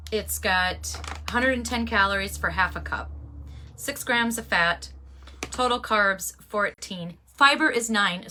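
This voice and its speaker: Chatty bright-voiced woman hosting a livestream. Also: mid-range voice, slight background noise. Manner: chatty, folksy, greets viewers by name. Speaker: livestream host selling handmade crafts. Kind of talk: casual live chat.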